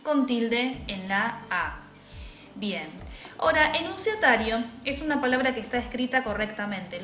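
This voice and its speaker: A woman teacher, patiently explaining a software tutorial step by step and checking in with tag questions. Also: a little high. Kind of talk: screen-recorded software tutorial. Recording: echoey room with faint music.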